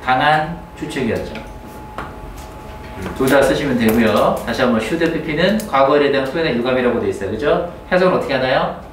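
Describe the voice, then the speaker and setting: A man's voice: medium pitch, animated, slight background noise. Man teaching a class in an echoey room. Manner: keeps checking in with the class through quick questions. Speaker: English teacher. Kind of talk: classroom grammar lecture. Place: classroom with students. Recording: roomy classroom, mic at a distance.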